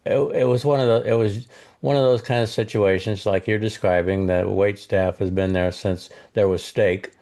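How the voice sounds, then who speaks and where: A man's voice: fairly low pitch, fairly even intonation, moderate pace, warm tone. A man co-hosting a podcast in casual chat, rambling and chuckling as he hands out a steakhouse quiz. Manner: rambling, chuckling, restarts phrases.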